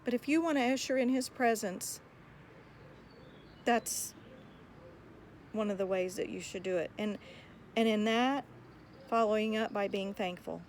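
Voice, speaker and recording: A woman's voice: mid-range voice, unhurried, pauses often, a little hiss or hum. A woman giving earnest, exhorting advice on how to pray, often repeating words as she gathers her thoughts. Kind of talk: earnest spoken encouragement on prayer.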